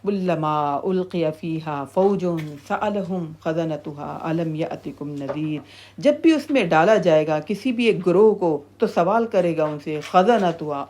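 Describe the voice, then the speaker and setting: A woman teaching a Quran tafseer lesson. She talks animatedly, repeats phrases for emphasis and rises to a high scolding pitch when she quotes warnings. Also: darkish tone.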